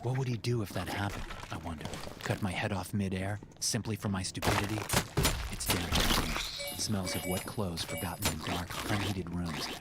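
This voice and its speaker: A man reading a first-person horror story as narrator, in a dramatic, deliberate way. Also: low voice, very noisy. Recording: loud music over the narration. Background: loud music.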